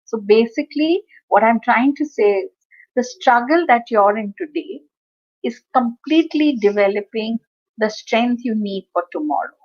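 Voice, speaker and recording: A woman with an Indian accent giving an earnest, encouraging psychology presentation to students over an online call, mixing English with Hindi. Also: fairly high pitch. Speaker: psychology lecturer. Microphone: video call. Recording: muffled online call audio.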